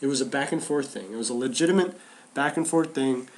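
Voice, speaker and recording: A man's voice: mid-range voice, fast talker. A man co-hosting a podcast, talking casually and animatedly about wrestling, often restarting and repeating phrases. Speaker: podcast co-host.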